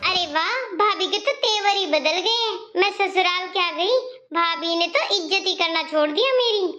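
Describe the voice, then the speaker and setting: A woman's voice: extremely high pitch, normal speed, sharp tone, dull audio, faint music behind. A woman voicing a spoiled, bossy young married daughter in a cartoon story. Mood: complaining. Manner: complaining, bossy.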